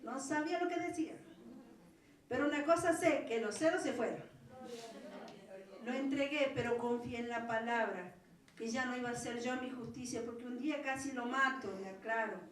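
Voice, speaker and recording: A middle-aged woman pastor with an Argentine accent, preaching a fervent Pentecostal sermon that swells into loud pleas. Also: fairly high pitch, moderate pace. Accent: Argentine Spanish. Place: large church hall. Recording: very echoey hall, voice from far off.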